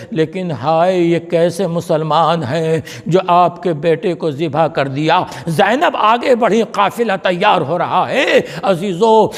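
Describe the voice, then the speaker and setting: A male cleric reciting a mournful sermon, drawing out lines in grief. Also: high voice. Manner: stretched, wailing delivery of grief narration. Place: mosque hall. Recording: long reverb of a large hall.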